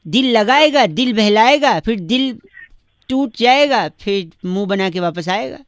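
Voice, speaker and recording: A high-pitched man plays a radio prank caller who teases his targets with absurd, mock-serious lectures. His voice is dry and close on a studio mic. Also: animated, a little slow, clean tone, no room sound. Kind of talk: comedic prank phone call.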